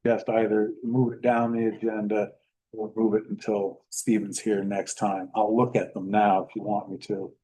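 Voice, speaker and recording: A man advising a town council, speaking in a cautious, measured way. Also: lowish voice, level tone, mellow, slightly rough, rough recording. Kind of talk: cautious meeting talk. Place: town council meeting room.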